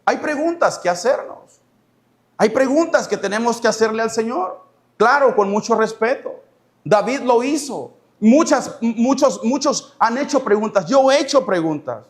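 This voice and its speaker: A male pastor preaching a sermon, animated, repeating words and voicing prayers aloud. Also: very high-pitched, measured pace. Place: church sanctuary.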